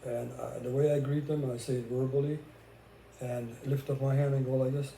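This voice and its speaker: With a mellow, mid-range voice that shows little pitch movement and a moderate pace, an older man from Hungary chats in a Hungarian accent. As a vlogger, he casually shares his relationship experiences and stories from his life. The recording sounds roomy and echoey, with faint noise in the background.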